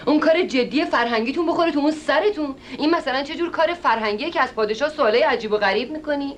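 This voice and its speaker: A woman's voice: fairly low pitch, slight background noise, lightly acted. An actress playing a pushy, doting middle-aged woman who insists on meeting a king, in a stage comedy with an insistent, fawning manner. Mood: indignant. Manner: insistent, fawning, sharp-tongued when crossed.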